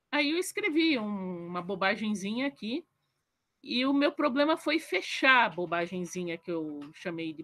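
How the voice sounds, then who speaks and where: A woman on a video call in an online book club, chatting casually and self-deprecatingly, and reading her own short poem slowly. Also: medium pitch, a bit bright. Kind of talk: casual online group chat. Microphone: computer mic on a video call.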